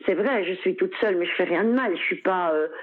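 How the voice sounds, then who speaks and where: A woman's voice: lowish voice, fast talker, a little hiss or hum. A middle-aged Belgian woman chatting as an interview guest, talking freely with lots of fillers and laughs. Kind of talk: casual conversational interview. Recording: tinny phone-like line.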